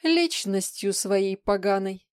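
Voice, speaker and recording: A woman's voice: medium pitch, animated, moderate pace, a little mellow, dry recording, clean studio sound, voice pushed up, lightly acted. A woman voicing a volatile young woman's vicious, mocking alter ego in an audiobook reading, snarling and hurling insults. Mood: furious.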